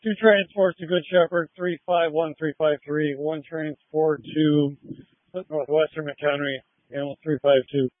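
A fairly high-pitched man calls in ambulance radio traffic as an emergency responder. His voice comes dry and narrow through a two-way radio. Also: steady tone, measured pace, no echo.

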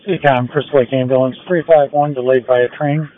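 A man's voice: mid-range voice, fairly even intonation, fairly quick. A man on an ambulance crew calling in over two-way radio in clipped, procedural phrases. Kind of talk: ambulance radio dispatch call. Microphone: radio handset. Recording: narrowband two-way radio, static, clicks.

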